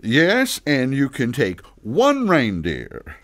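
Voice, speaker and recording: A man playing Santa as an earnest, flustered older father who speaks haltingly in a children's audio story. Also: mid-range voice, huge pitch swings, a bit bright, no echo, clean studio sound, exaggerated voice. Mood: decisive, coaxing. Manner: halting, emotional, deliberate pauses.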